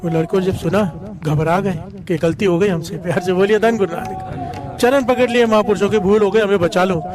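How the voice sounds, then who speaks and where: High-voiced man preaching a devotional sermon. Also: steady tone, brisk. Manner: storytelling with repeated call-and-response chants. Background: devotional music.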